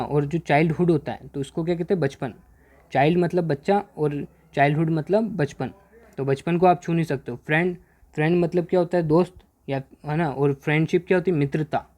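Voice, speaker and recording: A man teaching a grammar worksheet lesson in Hindi. He keeps asking questions and answering them himself, and he reads the English example sentences out slowly. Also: a little high, steady tone, mellow.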